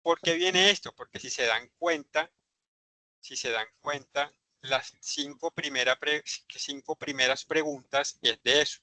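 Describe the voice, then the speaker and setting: A man teaching an online English grammar class, patiently repeating examples and speaking slowly over a video call. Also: a little high, pushed and bright, no echo, poor audio.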